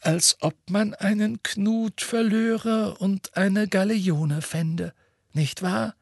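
A man voicing a calm, mild old male wizard headmaster who speaks slowly and gently. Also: sits high, vocal fry, husky, no room sound, studio quality, pitched above the performer's own voice, exaggerated voice.

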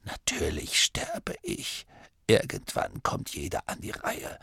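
A man's voice: low voice, huge pitch swings, slow pace, bright, forceful tone, dry recording, heavily acted. A man whispering as a frail dying old abbot. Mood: weary. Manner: faint breathy whisper, weary and dry-witted. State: dying, barely able to speak.

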